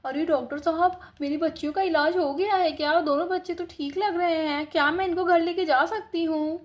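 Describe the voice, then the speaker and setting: A woman's voice: extremely high pitch, steady tone, normal speed. A woman voicing Nimmo, a protective mother who soothes her children and pleads with the doctor. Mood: soothing.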